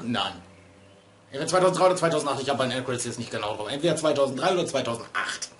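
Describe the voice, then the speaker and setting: This streamer's voice is fairly high-pitched, with a bit of background noise behind it. He's in his thirties, vlogging from a small home room lit by LED strips, slightly congested from a cold, and his casual rambling is chatty, digressive and self-mocking.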